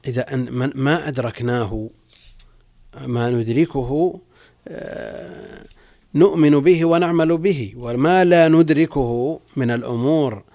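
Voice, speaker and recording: Middle-aged male religious scholar, medium pitch, expository, mostly formal Arabic, repeats phrases as he explains. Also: mellow. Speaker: religious scholar, guest on the program. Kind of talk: scholarly explanation with readings from commentaries.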